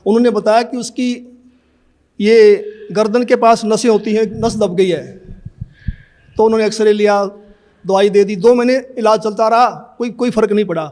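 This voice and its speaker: Recalling past conversations and acting them out, a man in his fifties gives an earnest testimony in an interview. He speaks at normal speed in a high-pitched, slightly mellow voice with fairly even intonation.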